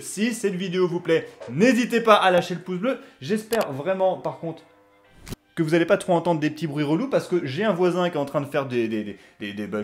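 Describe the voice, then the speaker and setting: This high-pitched young YouTuber narrates his football video game in a loose, chatty style. He fills the gaps with hesitant fillers and erupts into excited yells at big moments, especially goals.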